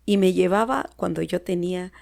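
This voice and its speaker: A woman's voice: lowish voice, fairly even intonation, moderate pace, creaky, a little mellow. A woman with a Peruvian Spanish accent giving an earnest personal testimony in conversation, often dropping to a near-whisper. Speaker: podcast guest. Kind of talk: personal testimony in casual chat.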